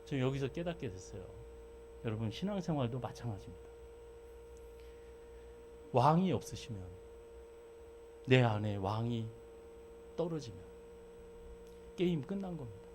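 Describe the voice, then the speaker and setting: A male pastor preaching a sermon who moves between loud fervent exhortation and relaxed, chatty storytelling. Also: medium pitch, a little hiss or hum. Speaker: senior pastor.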